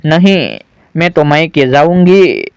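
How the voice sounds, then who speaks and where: A man's voice: a little high, big pitch swings, slow, gravelly, smooth, no room sound, clean studio sound, exaggerated voice. A man voicing a hurt but firm young daughter-in-law in a spoken story, reading her lines plainly. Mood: pleading. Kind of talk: storybook narration.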